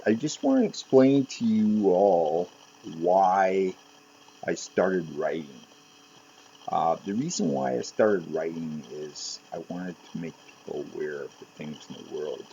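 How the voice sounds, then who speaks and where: A man with a low, mellow voice talks unhurriedly, stopping and restarting his sentences as he goes. The recording is dull and lo-fi, with a faint hiss underneath. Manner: halting, many fillers and restarts. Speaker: author and channel host. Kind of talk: casual rambling monologue. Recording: dull lo-fi with faint background noise.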